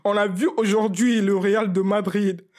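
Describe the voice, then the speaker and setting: Excited man reacting to a football match. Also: high-pitched, measured pace. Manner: excited, repeats himself, talks straight to viewers. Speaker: football video creator. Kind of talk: emotional match reaction vlog.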